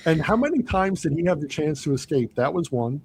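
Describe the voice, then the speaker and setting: A man's voice: fairly high pitch, a little fast, creaky, background noise. A man hosting a podcast, casually talking through a film and acting out its lines as he goes. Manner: animated retelling, quoting movie lines. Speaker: podcast host.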